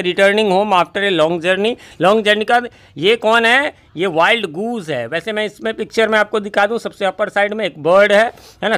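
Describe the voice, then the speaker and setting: High bright-voiced teacher. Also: male voice. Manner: explains slowly, reads English lines word by word; asks and answers his own questions. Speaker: English teacher. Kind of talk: line-by-line poem explanation.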